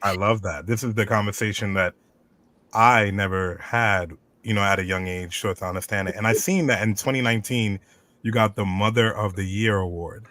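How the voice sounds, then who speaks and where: A man hosting an interview show and speaking in a relaxed way that stumbles a little. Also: on the low side, normal speed, no echo. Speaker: radio show host.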